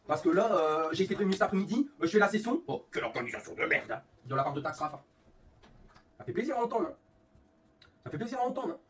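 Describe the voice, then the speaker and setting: A high-pitched man from northern France, a streamer who also organizes a league, fumes and talks fast while swearing constantly. His fever affects his voice, and the angry live-stream rant is captured off-mic from a distance with faint room ambience.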